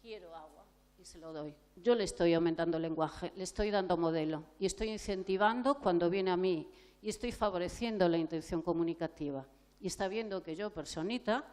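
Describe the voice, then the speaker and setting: A woman's voice: fairly low pitch, darkish tone. A woman clinical psychologist from gives a conference lecture, explaining points and asking the audience rhetorical questions. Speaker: clinical psychologist giving a talk.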